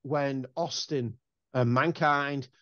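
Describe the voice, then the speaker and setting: A man's voice: medium pitch, steady tone, slow, fairly bright tone, no room sound. A man in his forties, a guest in a casual interview, telling stories with enthusiasm and wandering off on rambles. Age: 40s. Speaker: guest musician. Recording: dull lo-fi dry sound.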